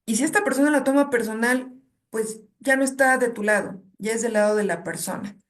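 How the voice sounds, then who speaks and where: A woman's voice: fairly high pitch, a little fast. A woman, a guest academic who speaks in a reflective, conversational way and illustrates her points with personal anecdotes. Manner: reflective, tells stories and checks in with '¿no?'.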